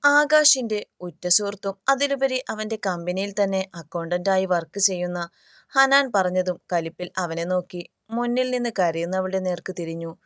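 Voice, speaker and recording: A woman narrating a romance story in a steady, even reading. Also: lowish voice, normal speed, no echo.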